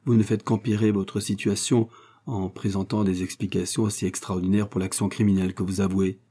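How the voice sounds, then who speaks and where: A man voicing a stern, quick-tempered male police inspector who speaks severely and commandingly. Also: low voice, level tone, dark tone. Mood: scornful. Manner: severe, commanding, then explosive.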